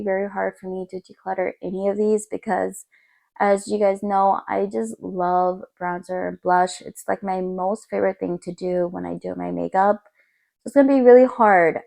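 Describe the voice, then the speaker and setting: A woman's voice: mid-range voice, gravelly, a little mellow. A young woman beauty vlogger with her morning voice, chatting upbeat and casual as she sorts through her makeup at home. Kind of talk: casual makeup declutter vlog. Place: home room by a window in morning light.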